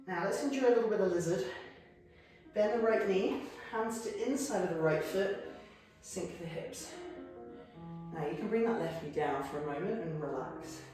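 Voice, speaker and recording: A woman's voice: lowish voice, moderate pace. A woman teaching a guided yoga class, cueing each move on the breath in an encouraging way, at times a little out of breath. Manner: encouraging, cueing moves on the breath with light laughs. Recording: very echoey room, mic from far off. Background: soft piano music.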